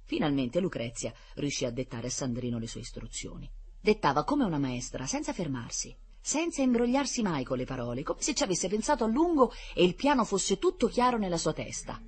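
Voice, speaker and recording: A woman reading a children's story aloud, narrating expressively and dropping softer between the dialogue. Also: lowish voice, sing-song, brisk, a little hiss or hum.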